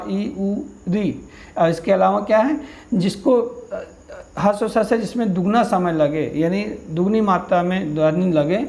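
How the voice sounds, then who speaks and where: A man's voice: sits high, gravelly. A male teacher giving an exam-prep grammar lesson, asking questions, then answering and repeating them patiently. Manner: steady, patient explaining.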